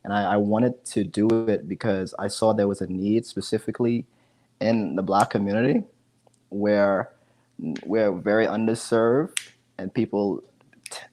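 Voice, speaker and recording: A Bahamian man in his 20s, a digital marketing specialist, chats casually as a guest on a video call from home, often repeating words. His voice sits on the low side with fairly even intonation, a measured pace, and a slightly mellow quality. He's using an earphone headset.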